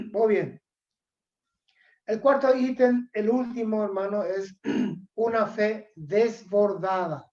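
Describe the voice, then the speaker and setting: A woman with a Paraguayan accent preaching a sermon. She speaks earnestly, keeps calling her listeners brother, and often clears her throat. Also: mid-range voice, slow, long pauses, a little mellow. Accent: Paraguayan Spanish. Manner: earnest, repeatedly addresses listeners as "hermano", frequent throat clearing. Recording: dull lo-fi recording.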